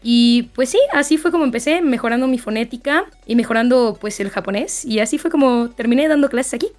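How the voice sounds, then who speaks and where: A woman who teaches phonetics, talking in a relaxed way with lots of fillers in a casual group chat. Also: a little high, fairly quick. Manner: relaxed, uses filler 'pues'.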